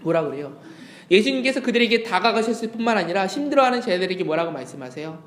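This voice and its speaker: A man preaching a Sunday sermon as pastor, earnest, dropping to a hush when he quotes Jesus. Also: high-pitched, big pitch swings, quick pace, reverberant, slight background noise. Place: church sanctuary.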